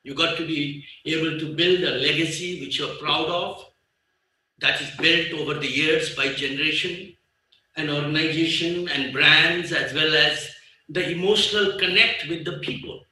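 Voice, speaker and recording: A man's voice: on the high side, bright, forceful tone. Nepali-accented older man speaking in an echoey hall. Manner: emphatic, repeats key phrases, pauses with fillers. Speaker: business leader, guest speaker. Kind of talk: conference speech. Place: large conference hall. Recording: echoey hall, voice far from the mic.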